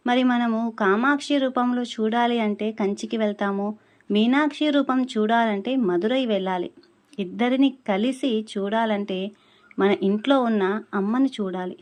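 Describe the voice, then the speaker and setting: A woman teaching how to pronounce a devotional chant, explaining patiently and drawing out each syllable slowly when she demonstrates it. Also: on the high side, a little mellow. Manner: slow, carefully drawn-out syllables when demonstrating. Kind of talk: spoken lesson on pronouncing a chant.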